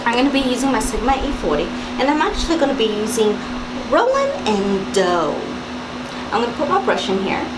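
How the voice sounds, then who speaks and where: With a medium-pitched, raspy morning voice, a young woman gives makeup tutorial talk to camera as a vlogger. She's chatty and instructive, throwing in fillers and asides, and the recording carries loud background hiss and air-conditioner hum.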